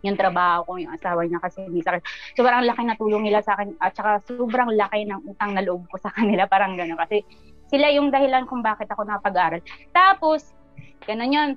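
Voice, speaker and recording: A woman guest recounting her personal story in an interview, earnest and animated, often trailing off with fillers. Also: mid-range voice, fast talker, no echo. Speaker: guest, business owner. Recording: muffled sound with faint music.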